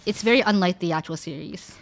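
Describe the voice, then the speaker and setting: A young woman streaming, chatting casually with viewers in an animated way, filling her talk with "like" and restarting her sentences. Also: fairly low pitch, quick pace, vocal fry, a little hiss or hum. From Canada.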